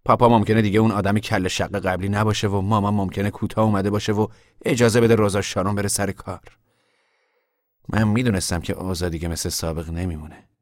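An earnest, stubborn young drifter, played by a man in a radio play, talking insistently. His voice sits low-ish, with dry, close studio sound. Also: no room sound, natural voice. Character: young male drifter, stubborn yet hopeful. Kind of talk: radio drama acting.

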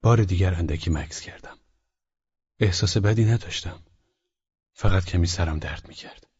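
A man reading a first-person story aloud in a measured, calm, reflective way. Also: low-pitched, breathy edge. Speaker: narrator. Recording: dull lo-fi recording.

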